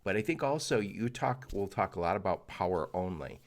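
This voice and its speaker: A middle-aged man hosts a podcast interview in a loose, joking way, full of "uh"s and restarts. His voice sits a little low. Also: expressive, a little fast. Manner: chatty and joking, with frequent fillers and restarts. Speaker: podcast host. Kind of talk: casual interview chat.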